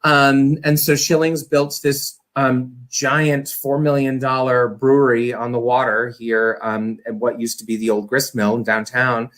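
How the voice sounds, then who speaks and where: A community theater director, appearing as a guest in a casual conversational interview, rambles enthusiastically about his work. His mid-range voice is fairly bright, with little pitch movement, a measured pace and few pauses.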